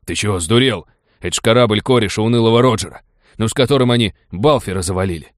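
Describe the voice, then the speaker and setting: A man's voice: fairly low pitch, fast, no room sound, studio quality, natural voice. Man doing brash know-it-all dock buddy, audiobook. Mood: cocky. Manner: condescending, brash. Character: cocky male dockside lowlife, know-it-all.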